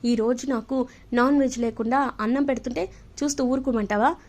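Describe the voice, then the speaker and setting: Woman reading as angry young husband, scolding, indignant, mellow tone. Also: a little high, steady tone, brisk.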